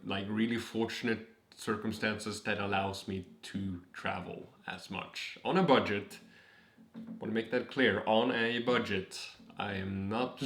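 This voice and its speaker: A man's voice: lowish voice, a bit bright, reverberant. A man in his twenties chatting casually in a vlog, rambling and making fun of himself as he goes. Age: 20s. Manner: rambling, self-mocking asides. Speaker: vlogger.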